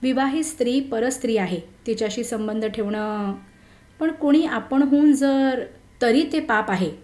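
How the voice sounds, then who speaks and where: A woman's voice: a little high, measured pace, darkish tone, lightly acted. A woman doing an earnest young friend. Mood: grave. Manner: grave, earnest warnings. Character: earnest young man, old college friend, serious. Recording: roomy echo.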